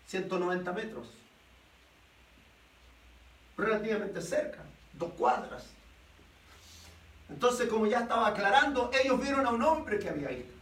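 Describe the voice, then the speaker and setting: High, bright-voiced preacher in an echoey hall. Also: male voice. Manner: animated storytelling with rhetorical questions. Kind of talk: sermon. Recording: echoey room, voice from a distance.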